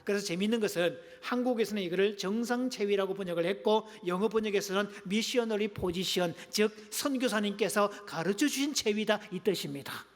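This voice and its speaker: A man's voice: high-pitched, fairly quick, hardly any pauses. A middle-aged male pastor giving a humorous, engaging sermon, often calling on the congregation. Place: church sanctuary. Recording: long reverb of a church hall.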